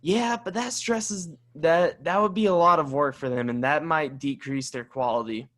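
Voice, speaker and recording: A man co-hosting a casual sports podcast, talking emphatically and reacting with quick disbelief. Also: a little high, a bit bright. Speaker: podcast co-host.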